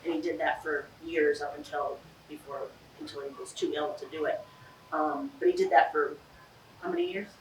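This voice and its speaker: A woman's voice: sits low, animated, normal speed, roomy sound, distant mic, slight background noise, low-quality recording. A woman adding remarks about her father at a memorial, searching for words with fillers. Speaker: family member at memorial.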